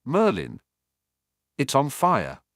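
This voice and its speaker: A man voicing a brash, hot-headed teenage boy wizard who barks and shouts, in a fan audiobook. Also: medium pitch, wildly swooping pitch, slow pace, no room sound, voice pushed up. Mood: fearful.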